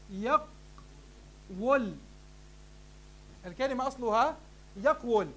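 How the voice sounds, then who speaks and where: A man's voice: very high-pitched, a little hiss or hum. A man, teaching morphology in a classroom lecture, asking questions and answering them himself. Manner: addresses the class warmly as "beloved ones". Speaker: sheikh teaching Arabic morphology.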